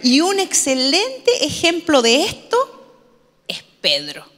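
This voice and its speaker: Lady pastor, high voice, chatty sermon with jokes, echoey church. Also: huge pitch swings, slow pace, a bit bright. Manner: storytelling, conversational, humorous asides.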